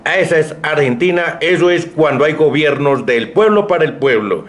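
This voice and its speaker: A man's voice: on the high side, expressive, moderate pace, over music. Emphatic male news anchor. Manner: emphatic, indignant editorializing. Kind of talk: opinionated news commentary.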